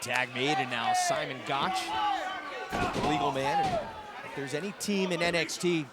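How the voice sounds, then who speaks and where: A man's voice: a little high, huge pitch swings, moderate pace, very noisy. A man doing live wrestling commentary as the play-by-play commentator, calling moves in clipped, urgent phrases. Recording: loud crowd and music behind. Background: arena crowd and music.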